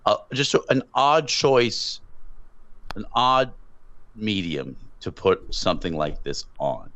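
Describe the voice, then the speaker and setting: A man's voice: lowish voice, big pitch swings, slow, a bit bright. A man hosting a podcast, chatting casually, rambling with fillers and frequent laughs. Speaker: podcast host. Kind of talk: casual chat.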